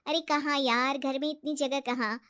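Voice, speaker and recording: A woman's voice: sits high, fairly even intonation, normal speed, a bit bright. A woman voicing a cheerful, trusting young woman who works in an office.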